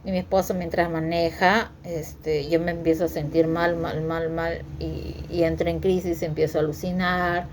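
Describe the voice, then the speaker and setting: A woman telling a personal story to her viewers in a halting way, repeating words and using many fillers. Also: lowish voice, little pitch movement, slight background noise. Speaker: vlogger sharing her story.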